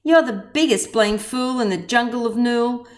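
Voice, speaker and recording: A woman's voice: a little high, moderate pace, close to an everyday voice. A woman reading a storybook aloud, voicing a cheeky little baby kangaroo who mocks. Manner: cheeky, mocking.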